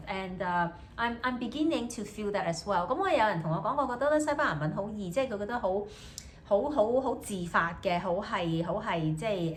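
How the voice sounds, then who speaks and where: A little hiss or hum accompanies a young Hong Kong woman's medium-pitched voice in a casual video diary. A student and native Cantonese speaker, she talks with a Hong Kong accent and frequent hesitations and fillers, voicing each thought in English and again in Cantonese.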